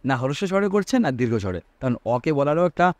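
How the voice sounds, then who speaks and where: A man's voice: medium pitch, sing-song, fast, no room sound. A man teaching a Sanskrit grammar lesson, asking his students rhetorical questions and drawing out vowel sounds to show their length.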